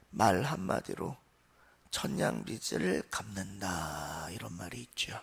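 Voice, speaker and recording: A man's voice: lowish voice, vocal fry, sharp tone, slightly rough. A man from Seoul preaching a Sunday sermon in a church, telling stories in a chatty way and speaking straight to the congregation. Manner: conversational storytelling, addresses the congregation. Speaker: pastor. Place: church sanctuary.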